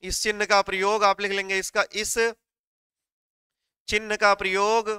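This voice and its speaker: A man teaching a live online class, who explains step by step, puts questions to his students and dictates notes slowly word by word. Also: sits high, monotone, pushed and bright, smooth, no echo, clean studio sound.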